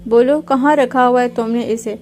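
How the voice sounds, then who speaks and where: A woman's voice: on the high side, flat delivery, dark tone, lightly acted. A woman voicing a furious young man who threatens his captives with harsh commands in a storybook reading. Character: furious armed young man, ruthless interrogator.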